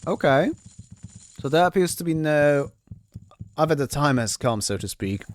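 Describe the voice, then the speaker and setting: A man giving casual commentary on his own playthrough, halting, repeating words and swearing freely. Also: on the high side, expressive, no room sound. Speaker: gamer narrating own playthrough.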